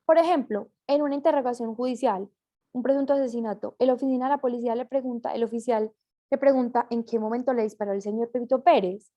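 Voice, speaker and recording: A woman reads out a class presentation in a mellow, warm tone. Her pitch sits a little high, and she stumbles now and then and corrects herself mid-sentence. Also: quick pace. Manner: reads aloud with small slips and self-corrections.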